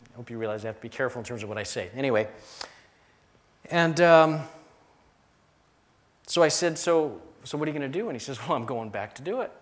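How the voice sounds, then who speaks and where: A middle-aged male pastor from the United States preaching a sermon at a middle pitch. He tells stories and builds to emphatic, repeated lines. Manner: storytelling with emphatic repetition.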